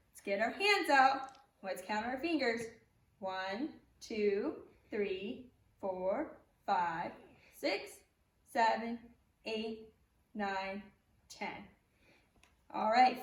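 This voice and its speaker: Slow, high-pitched woman with kindergarten teacher voice. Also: animated, a bit bright. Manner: kindergarten teacher voice, encouraging, addressing children as friends. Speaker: early-grades teacher leading counting practice. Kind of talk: children's lesson, leading count-along. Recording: echoey room, distant microphone.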